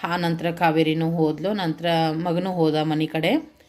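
This middle-aged woman, a vlogger who sells home food, speaks with a North Karnataka Kannada accent in a low, darkish, fairly even voice, a little slow. She casually narrates to her viewers what happened, addressing them directly in an earnest, heartfelt way.

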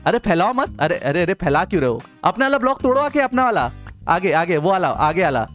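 Young man, high pitch, playful game commentary, repeated coaxing calls, faint music behind. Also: sing-song, fairly quick, fairly bright tone. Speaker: gaming video host. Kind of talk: excited gameplay commentary.

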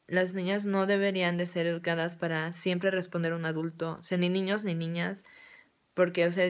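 A young woman from Mexico with a Mexican accent, telling a personal story in a casual, chatty way full of fillers. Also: fairly low pitch. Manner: chatty, many fillers like "o sea". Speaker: vlogger.

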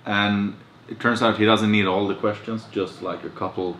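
A man's voice: fairly low pitch, little pitch movement, moderate pace, a bit bright. A young man, a freelance reporter, chatting casually and easily to camera in a travel vlog. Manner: easygoing, chatty on the phone with short okays. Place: outdoors on a village street and in a hotel room. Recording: echoey with background noise.

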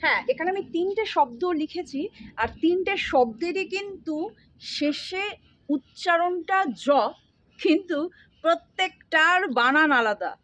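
High-voiced Bengali woman teaching spelling. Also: animated, a little slow, fairly bright tone. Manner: patient, explaining step by step with frequent check-ins. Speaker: English teacher. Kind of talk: classroom spelling lesson.

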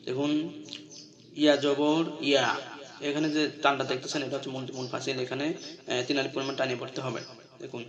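A man with a voice of middling pitch teaches a scripture reading lesson, breaking each word into its letters and vowel marks. Between the spelled-out parts he chants the verses, rising high and stretching the sounds long. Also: level tone, a bit bright, lo-fi sound. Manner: spells out syllables slowly, then chants verses in a high, drawn-out melody.

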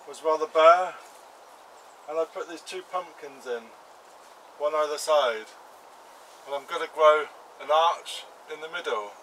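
Here the allotment channel host, a man in his fifties, strolls around his polytunnel and garden beds, crouching down and talking in a plain, casual way. His pitch is fairly high and his tone fairly bright. The low-quality recording carries slight background noise, faint outdoors ambience and insects.

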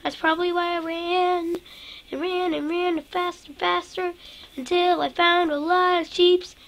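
High squeaky bright-voiced girl gaming, gets panicky and yells a lot, drawn-out slow talk. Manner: excitable, panicky outbursts and yelling. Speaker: gamer. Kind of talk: casual gameplay commentary.

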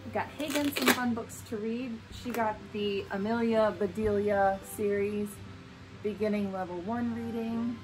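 Recorded indoors in a home room lined with a bookshelf, this thirty-something woman hosts a family homeschooling vlog, explaining things informally and showing objects to the camera. She has a mid-range voice, a steady tone and a measured pace, though the recording quality is low. There's music behind her.

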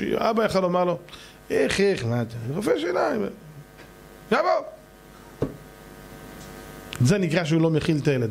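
A man, a rabbi, giving an animated sermon and acting out the voices of people in his stories. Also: sits high, a little hiss or hum.

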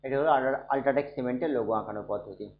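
A man who is unwell, teaching a computer lesson slowly and softly, often asking his students if they follow. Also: medium pitch. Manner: slow, soft-spoken, checks in often with students. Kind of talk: screen-recorded computer lesson. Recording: dull, echoey room recording.

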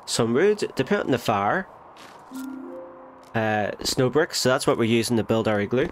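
This let's play commentator sounds nasal from a recent cold as he chats casually about the game, self-correcting and musing out loud. His medium-pitched delivery is sing-song and moderately paced, with faint music playing behind.

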